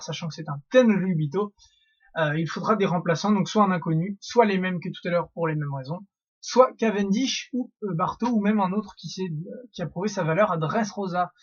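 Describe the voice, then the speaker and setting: A man's voice: high-pitched, brisk, slightly rough, muffled recording. A young man hosting a casual theory monologue, rambling with many fillers and restarts. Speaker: YouTube theory host.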